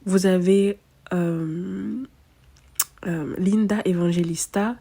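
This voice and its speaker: A woman's voice: fairly low pitch, steady tone, takes it slowly, vocal fry, mellow, slightly rough. A woman, an astrologer chatting casually and self-mockingly, thinking aloud with many fillers. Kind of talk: casual chat to camera.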